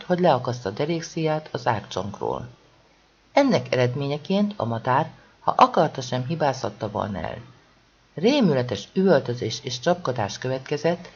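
A husky audiobook narrator telling a humorous story with lively storytelling energy. The pitch moves widely. The recording is dull and lo-fi.

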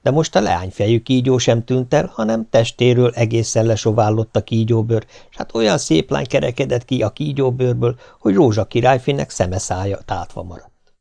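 A man reading folk tales aloud in a lively, expressive storytelling manner. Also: mid-range voice, gravelly. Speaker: audiobook reader. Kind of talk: folk tale narration.

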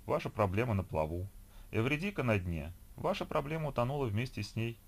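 A man's voice: mid-range voice, sing-song, fairly quick, slightly rough, voice pushed up. A man voicing a crude, sly male demon who taunts and mock-recites verse in an audiobook.

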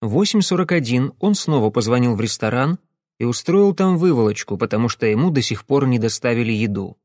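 A man's voice: mid-range voice, lively intonation, fairly quick, a little mellow. Guy reading an audiobook, dry understated, mid voice, no echo. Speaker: audiobook narrator. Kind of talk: scripted first-person narration.

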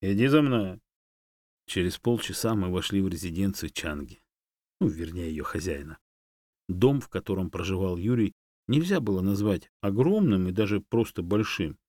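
A male audiobook reader with a lowish voice, narrating a story calmly and steadily. The sound is dry and close, with no echo. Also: normal speed. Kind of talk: scripted narration.

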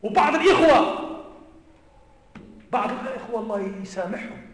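A man with an Algerian Arabic accent, a native Amazigh speaker, gives an emphatic lecture in a large mosque, speaking fast in a very high voice. His words ring out through the echoey hall with a long reverb. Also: expressive. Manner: emphatic, repeats key phrases.

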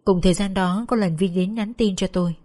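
A young woman, telling a first-person story in a calm, steady voice. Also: mid-range voice, a little fast. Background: faint music.

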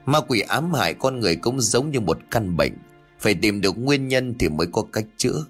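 A man's voice: on the low side, lively intonation, husky, soft background music, pitched above the performer's own voice. A man doing a grave old exorcist. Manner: measured, grave, explanatory. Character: calm older male exorcist, stern and knowing.

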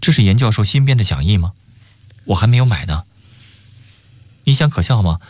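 A man's voice: on the low side, lively intonation, fairly quick, darkish tone, no echo. A man reading a radio story, voicing a withdrawn young male student with a dry, mocking tone. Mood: sardonic.

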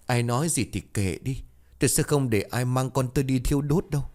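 A man's voice: mid-range voice, a little fast, a little mellow, voice pushed up, close to an everyday voice. A man voicing a grieving middle-aged mother who begs through tears in a plaintive voice. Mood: pleading grief. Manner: plaintive, begging.

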